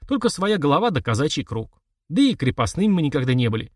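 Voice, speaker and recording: A man's voice: a little high, very animated, fast talker, slightly rough, dry recording, studio quality. A man playing a blunt young Cossack. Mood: proud. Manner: blunt, proud.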